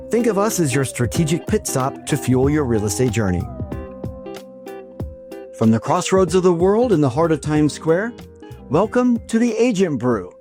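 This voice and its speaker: A man hosting a podcast, reading a scripted opening and then chatting with a guest in a friendly way, with some fillers and restarts. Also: on the high side. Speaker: podcast host. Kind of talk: podcast interview.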